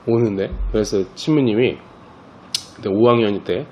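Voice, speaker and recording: Man, priest, children's catechism class, relaxed storytelling, dull lo-fi recording. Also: lowish voice, moderate pace, a little hiss or hum.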